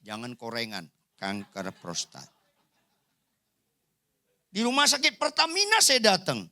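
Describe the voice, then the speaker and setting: Animated joking preacher, bright voice. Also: male voice, sits high, measured pace. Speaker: pastor. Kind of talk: sermon. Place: church hall.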